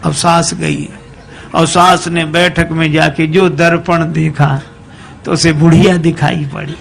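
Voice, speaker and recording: A man's voice: a little high, flat delivery, slow, gravelly. A man preaching a devotional sermon, telling a folk story folksily and breaking into sung verses.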